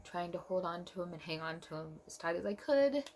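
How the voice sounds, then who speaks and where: A young woman vlogger telling a personal story in an earnest, emotional way, with soft pauses. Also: on the low side, lively intonation, slight background noise.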